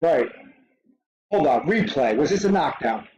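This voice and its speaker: A man hosting a live stream, reacting to a fight in short, excitable bursts and swearing freely. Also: fairly high pitch, measured pace, lo-fi sound. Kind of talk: casual live watch-along commentary.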